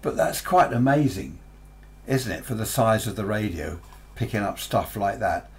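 Expressive and creaky, his lowish voice moves at a moderate pace as this British man in his 60s or older chats through an unscripted radio gear review. The setting is a small, cluttered indoor workshop, and his rambling talk is full of tag questions.

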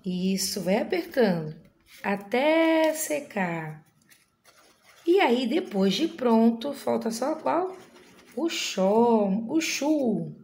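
Woman teacher for a kids' video lesson; slow, patient, sing-song delivery. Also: fairly high pitch, very animated, a little mellow. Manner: sing-song, coaxing teacher talk to small children. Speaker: inclusion teacher of first graders. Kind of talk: video lesson for young children.

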